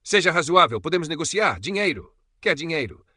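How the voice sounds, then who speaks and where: A desperate middle-aged crime boss, put on by a male narrator with a European Portuguese accent, pleading and bargaining in a storybook crime tale. The voice rides high and tight above the narrator's own, bright and forceful. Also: huge pitch swings, moderate pace, husky, no room sound, heavily acted. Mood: shouting, pleading.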